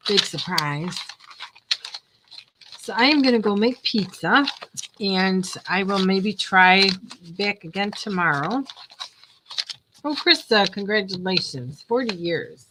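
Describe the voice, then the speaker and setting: A woman's voice: medium pitch, expressive, takes it slowly, pauses often. An older woman hosting a casual craft livestream, chatting in a rambling way and laughing often. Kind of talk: casual chat while crafting. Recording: noisy home recording.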